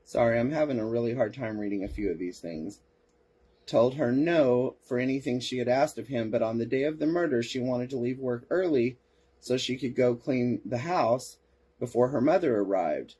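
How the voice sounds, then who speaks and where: A podcast host with a medium-pitched, warm voice and a breathy edge speaks at a moderate pace. He reads case reports aloud, breaking off for sarcastic asides and answering listeners' chat comments.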